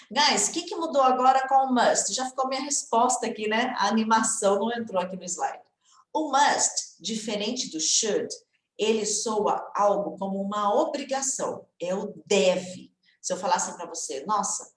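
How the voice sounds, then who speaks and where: A woman's voice: medium pitch, roomy sound. A woman from Brazil teaching an English lesson online in Portuguese, chatty and encouraging, often checking in with her students.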